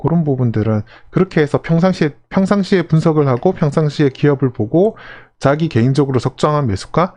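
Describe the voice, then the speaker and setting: A man's voice: a little high, lively intonation, fairly quick, hardly any pauses, a little mellow. A man hosting a live stream, answering a viewer's question in a loose, rambling way that keeps circling back to restart phrases. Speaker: investing channel host.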